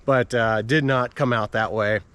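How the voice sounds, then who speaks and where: A man's voice: lowish voice, fairly even intonation, a little slow, a bit bright, clean tone. A man talking casually to his viewers as a running vlogger while out on a walk outdoors. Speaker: running vlogger and channel host. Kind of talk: casual vlog talk to camera.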